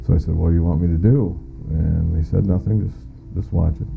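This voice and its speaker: Interviewed as a witness, a former air traffic controller speaks fairly quickly in a low, gravelly voice with fairly even intonation. The middle-aged American man is plain-spoken and matter-of-fact about what he saw himself. Soft music plays beneath muffled lo-fi audio.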